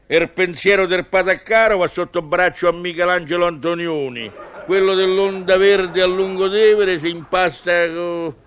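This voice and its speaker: A man's voice: sits high, steady tone, moderate pace, a bit bright. A man with a Roman accent delivering a humorous, musing monologue in colloquial dialect, conversational and wry. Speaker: comic monologist.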